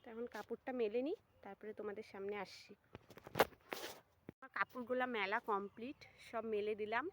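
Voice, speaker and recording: A woman's voice: medium pitch, steady tone, fairly quick, noisy background. A young woman chatting casually to viewers about her household chores in a vlog. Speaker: vlogger. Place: rural home and riverside.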